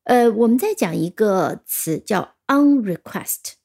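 A woman's voice: mid-range voice, animated, takes it slowly, vocal fry, dark tone. A woman teaching vocabulary in a recorded lesson, patiently spelling words out letter by letter. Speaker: English teacher.

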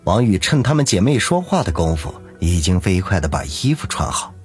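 A man narrating an audiobook in a lively, dramatic storytelling manner. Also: low-pitched, brisk, soft background music.

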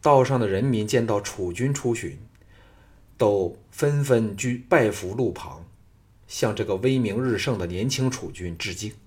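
Low-voiced male audiobook narrator. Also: a little slow, a little mellow. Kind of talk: storytelling narration of a martial arts novel.

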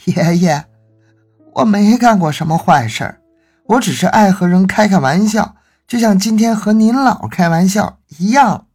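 A mischievous teenage boy posing as a little ghost, as a storyteller puts him on, pitched high above the teller's usual voice with a husky edge. He teases and wheedles in a lively, sing-song way, stretching his words out slowly, with faint music under the storybook reading. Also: heavily acted. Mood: pleading. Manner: teasing, then pleading and whimpering.

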